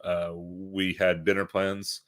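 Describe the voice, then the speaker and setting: A man co-hosting a casual live Q&A stream, talking in a shy, halting way with lots of fillers. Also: deep voice, level tone, fairly bright tone. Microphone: streaming mic.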